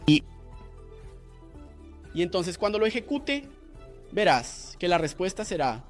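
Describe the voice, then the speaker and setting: A programming instructor walks through a screen-recorded coding lesson step by step, tossing rhetorical questions at the viewer. His voice sits high and is very animated, moving at a measured pace over soft background music.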